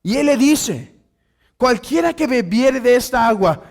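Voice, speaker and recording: Pastor preaching, really high voice, acts out the story lines. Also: male voice, animated, a little slow. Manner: addresses congregation as brothers, acts out dialogue. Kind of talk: expository sermon.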